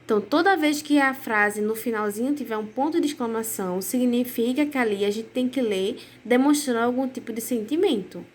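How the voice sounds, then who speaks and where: Affectionate Brazilian teacher, higher voice. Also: female voice, fairly quick, few pauses, a little hiss or hum. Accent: Brazilian Portuguese. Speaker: primary school teacher. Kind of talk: recorded remote grammar lesson for children.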